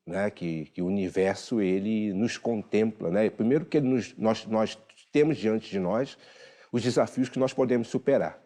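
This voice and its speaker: A man speaking as a studio guest, reflective and thoughtful, often pausing with fillers. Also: lowish voice, mellow. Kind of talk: TV studio conversation.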